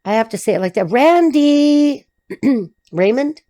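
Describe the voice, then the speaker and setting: A woman's voice: medium pitch, animated, a little fast, dark tone, no room sound. A middle-aged woman giving a casual, rambling tarot reading to camera, laughing often as she talks. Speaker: tarot reader.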